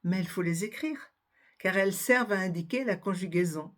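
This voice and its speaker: A woman giving a spelling and pronunciation lesson, slowly spelling out letters and examples one by one. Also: medium pitch. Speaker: French teacher.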